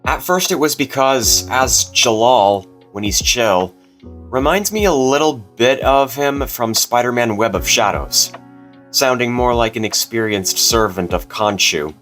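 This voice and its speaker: A man's voice: medium pitch, lively intonation, measured pace, a bit bright. A man hosting a video, giving casual scripted commentary. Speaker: video host. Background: music.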